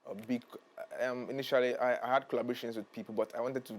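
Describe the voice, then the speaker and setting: A man's voice: medium pitch, little pitch movement, fast. A young man from Ghana, a musician guest, speaking earnestly and hesitantly, often repeating himself. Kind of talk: casual interview chat.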